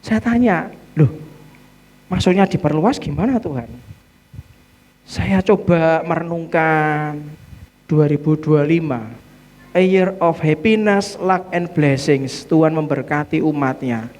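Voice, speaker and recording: Male pastor, Javanese accent, high-pitched and animated sermon delivery with call-and-response. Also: slow, pauses often. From Central Java. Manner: acts out dialogue with shifting voices.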